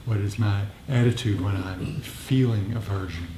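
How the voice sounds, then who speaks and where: A man with a lowish voice and moderate pace guides an informal meditation group discussion, reflecting aloud and frequently repeating himself. The setting is the group's meeting room, which sounds echoey with a little background noise.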